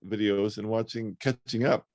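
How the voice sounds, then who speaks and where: A man with a gravelly, creaky voice chatting casually on a podcast, easygoing and a little hesitant. The sound is close and dry, with no room echo. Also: on the low side, steady tone, normal speed, darkish tone. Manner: easygoing, hesitant with frequent uh fillers. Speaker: podcast co-host. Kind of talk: casual chat.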